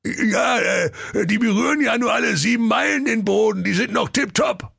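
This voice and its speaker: A man voicing a bumbling, hungry male ogre in a storybook tale, pitched high and shouting in a whiny, frantic way. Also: normal speed, vocal fry, breathy edge, no room sound, studio quality, exaggerated voice. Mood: puzzled.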